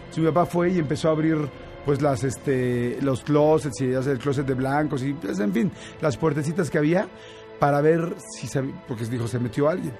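A man with a Mexican accent telling a personal story in casual chat, animated and full of fillers and restarts. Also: on the high side, moderate pace, faint music behind. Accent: Mexican Spanish.

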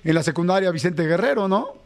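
A man's voice: sits high, lively intonation, quick pace. A man with a Mexican accent hosting a call-in radio show, joking with callers in slangy, laughing talk. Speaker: radio host.

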